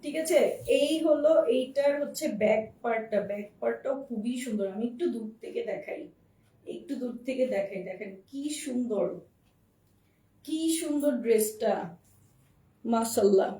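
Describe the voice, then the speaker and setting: A high, soft-toned woman with a cold-roughened voice runs a live dress showcase. She chats and loops back over her points for her viewers. She sounds set back from the mic, with a roomy echo around her. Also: moderate pace, far from the mic. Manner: chatty, addresses viewers directly, repeats herself. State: hoarse from a cold. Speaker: online clothing seller. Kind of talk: live-stream product showcase.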